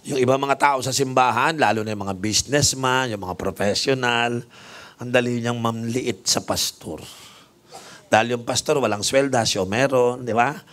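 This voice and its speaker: A man's voice: mid-range voice, normal speed, fairly bright tone. A male bishop preaching a sermon, telling stories with humor and mixing English phrases into his talk. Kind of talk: sermon with storytelling.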